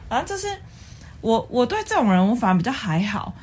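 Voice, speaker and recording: A young woman, chatting casually as a co-host in a calm, quiet, measured way and airing mild complaints. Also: a little high, slight background noise. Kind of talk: casual chat.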